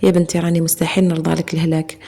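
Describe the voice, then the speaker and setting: Woman doing a sorry algerian dad, grave and soft, talks real fast, husky low voice. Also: flat delivery. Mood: pleading. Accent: Algerian Arabic. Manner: grave, apologetic. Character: worried middle-aged father, gentle and pleading. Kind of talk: storytelling narration.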